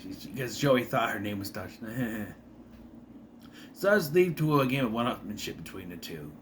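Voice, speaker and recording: A show recap vlogger casually runs through a sitcom episode in a medium-pitched, animated voice at normal speed. He rambles, corrects himself, tosses in opinionated asides, and briefly imitates the characters as he retells it. There's slight background noise.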